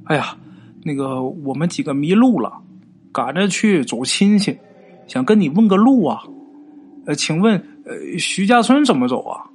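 A man's voice: fairly high pitch, sing-song, moderate pace, a little mellow, slightly rough. A man voicing a lost traveller who hesitantly and politely asks for directions.

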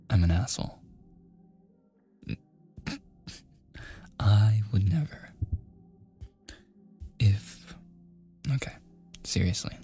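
In a low, heavily acted voice, a man plays a smitten, insistent young man for a boyfriend ASMR roleplay. He speaks softly with hesitations, at moments lowering to a breathy whisper as he coaxes, and the mood is earnest and coaxing.

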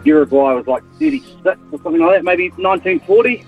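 A man's voice: high-pitched, lively intonation, quick pace, soft background music. New Zealand man on a car speakerphone. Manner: rambling, easygoing talk. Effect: car speakerphone over a phone line. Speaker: caller to a sports radio show. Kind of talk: casual phone-in chat. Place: work van on the road. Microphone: hands-free Bluetooth in a vehicle. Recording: tinny phone line from a moving car.

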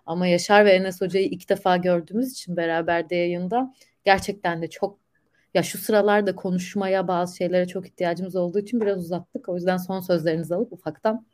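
Mellow, lowish-voiced woman hosting a discussion. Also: steady tone, fairly quick. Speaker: host of online live discussion show. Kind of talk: conversational hosting.

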